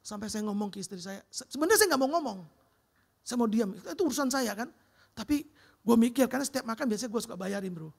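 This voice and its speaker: A middle-aged man preaches in a church sanctuary, weaving his own story of hardship and answered prayer into the sermon. His voice is gravelly and a little husky, and he keeps the telling lively, tossing a casual "Bro" at his listeners. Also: high voice, quick pace. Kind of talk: sermon with personal testimony.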